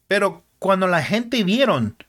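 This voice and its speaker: A man's voice: sits high, big pitch swings, unhurried, a bit bright, slightly rough. A man hosting a podcast, retelling Bible stories simply and earnestly, sometimes stopping to correct a word. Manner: plain, earnest, with small self-corrections. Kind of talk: simple Bible story narration.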